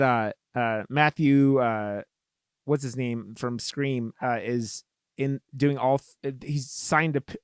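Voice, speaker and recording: A young man chatting loosely as a podcast co-host. He rambles, swears and stacks up fillers, in a middle-pitched voice. The sound is dry and close to the mic. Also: no echo. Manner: rambling, profane, many fillers. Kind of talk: casual chat.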